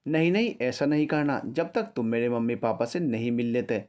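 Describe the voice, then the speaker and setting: A man's voice: mid-range voice, moderate pace, a little mellow, natural voice. A man voicing a playful young woman who teases her boyfriend and turns indignant when caught out. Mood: teasing. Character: young woman office worker, playful girlfriend.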